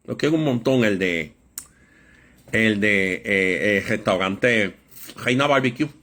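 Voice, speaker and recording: A man preaching a Bible study sermon, with a lively storytelling manner that acts out voices in anecdotes. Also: fairly low pitch, takes it slowly.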